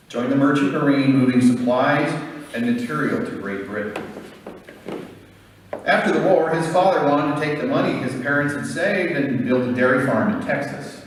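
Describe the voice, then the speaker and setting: American man giving a eulogy in an echoing hall. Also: mid-range voice. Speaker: son giving a eulogy for his father. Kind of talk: prepared memorial speech. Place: large reverberant room. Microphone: distant microphone. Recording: echoey hall, distant mic, faint noise.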